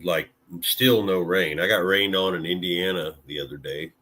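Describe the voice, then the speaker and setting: A man's voice: low voice, normal speed, bright, forceful tone. A man from Illinois chatting casually with live viewers, laid-back and rambling, with plenty of fillers and mild swearing. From Illinois, USA. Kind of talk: casual live-stream chat.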